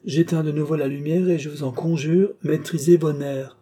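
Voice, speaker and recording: Brief: stern authoritative detective, read by a man, dark husky voice, audiobook mystery. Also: fairly high pitch, fairly even intonation, normal speed, pitched above the performer's own voice. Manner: firm, brooks no reply. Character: stern commanding Scotland Yard inspector.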